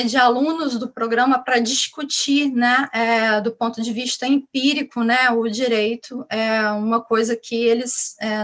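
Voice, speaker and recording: A woman's voice: a little high, a bit bright. A middle-aged woman professor with a Brazilian Portuguese accent, speaking on an academic panel with many fillers and restarts.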